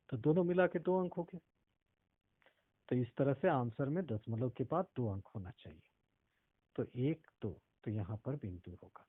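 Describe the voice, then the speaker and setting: A man's voice: mid-range voice, no room sound. Guy teaching decimals, keeps asking if u got it, sounds like a phone recording, dry. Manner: checks understanding often with questions to students. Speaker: math teacher. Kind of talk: step-by-step classroom explanation. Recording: tinny phone-like audio.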